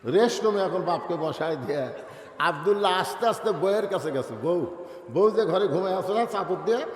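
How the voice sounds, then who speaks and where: A man preaching a Bengali waz sermon, telling a story dramatically and swinging between shouts, low murmurs and drawn-out chanting, recorded over a loudspeaker at a sermon gathering. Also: animated, a little hiss or hum. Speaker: Islamic preacher. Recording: echoey hall with long reverb.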